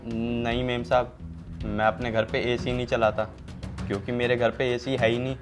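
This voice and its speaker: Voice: mid-range voice, level tone, normal speed, close to an everyday voice. A performer acting a timid male household servant who pleads and apologises in a short drama skit. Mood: pleading. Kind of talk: scripted Hindi skit acting. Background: loud background music.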